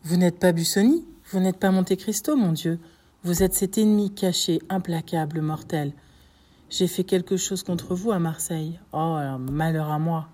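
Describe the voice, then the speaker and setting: A woman's voice: fairly low pitch, normal speed, warm tone, lightly acted. A woman voicing a tormented middle-aged male prosecutor in an audiobook, crying out in frantic, pleading outbursts. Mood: terrified. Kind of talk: audiobook reading.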